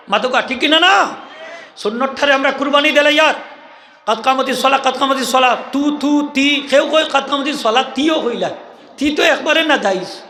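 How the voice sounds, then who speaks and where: A man with a Sylheti accent preaches to a gathering, his high voice bright and forceful. He keeps throwing questions at the crowd and waiting for their answers. The sound carries a long hall reverb over faint background ambience. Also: slight background noise. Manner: animated, questions the crowd and drills call-and-response. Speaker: Islamic preacher. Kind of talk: sermon to a live gathering.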